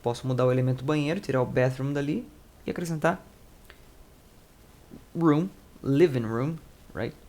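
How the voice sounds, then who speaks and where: Man slowly spelling out English phrases. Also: mid-range voice, a little mellow. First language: Portuguese. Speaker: English teacher. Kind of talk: explanatory lesson, translating sentences.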